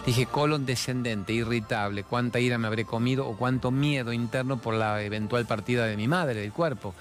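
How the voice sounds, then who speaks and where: Playful fast-talking Argentine man in his sixties. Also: medium pitch. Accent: Argentine Spanish. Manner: fast, playful, expressive, jumps between jokes and spiritual reflection. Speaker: TV talk show host. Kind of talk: chatty monologue with humorous anecdotes and sponsor mentions.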